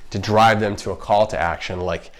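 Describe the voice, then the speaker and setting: A man's voice: fairly low pitch, steady tone, moderate pace. A man with a slight lisp from wearing retainers, chatting casually and emphatically as he hosts an unscripted explainer vlog, often interrupting himself. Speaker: video host, marketer. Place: home kitchen.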